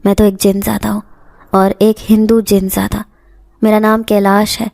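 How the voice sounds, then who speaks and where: A woman voicing a possessive male jinn who speaks in a heavy, slow, commanding tone. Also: medium pitch, flat delivery, vocal fry, darkish tone, dry recording, studio quality, close to an everyday voice. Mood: menacing.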